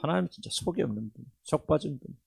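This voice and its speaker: Korean pastor with a gravelly Jeolla accent. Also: male voice, on the high side, fast talker, no room sound. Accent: Jeolla dialect. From Jeolla, South Korea. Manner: animated, swings between loud bursts and hushed asides. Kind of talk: sermon.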